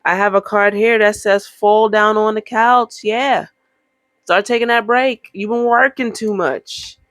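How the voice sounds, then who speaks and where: A woman's voice: medium pitch, fairly even intonation, measured pace, a bit bright, no echo. Chatty woman giving a tarot reading. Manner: chatty and encouraging, with emphatic asides. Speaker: tarot reader. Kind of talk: casual motivational tarot reading to camera.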